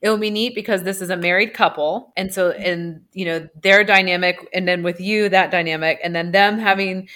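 Lower-voiced woman in casual chat. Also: steady tone, moderate pace, few pauses, bright, forceful tone. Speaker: romance author, podcast guest.

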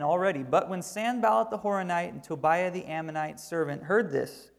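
A male preacher with a strongly gravelly, creaky voice, pitched a bit above the usual for a man. He reads scripture aloud, then explains each passage with emphasis. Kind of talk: sermon.

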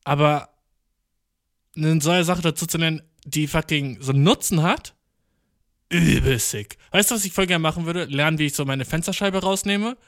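Slangy, profane young German comedian. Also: male voice, on the high side, normal speed, no room sound, clean studio sound. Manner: slangy, profane, mixing English words into German; jumps from deadpan mutters to excited outbursts. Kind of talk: rambling comedic monologue.

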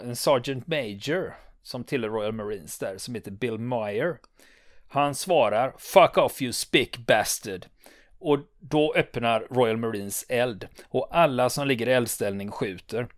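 A man hosting a history podcast, retelling a battle in a calm storytelling manner with many fillers and "va?" tags. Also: mid-range voice, dry recording, studio quality. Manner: calm storytelling, rising to excited when narrating combat. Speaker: podcast host.

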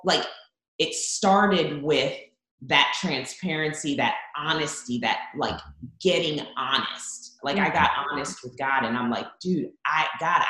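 A woman's voice: low-pitched, fairly bright tone. Woman from zambia, earnest faith testimony, candid, restarts, roomy echo. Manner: earnest, open, stumbling restarts. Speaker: guest.

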